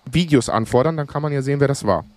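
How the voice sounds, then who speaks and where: A man of Greek background, co-hosting a podcast, telling a lively story in casual chat and acting out the other people's lines. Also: mid-range voice, fast talker, dry recording. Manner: animated anecdote, acts out dialogue. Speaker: podcast co-host.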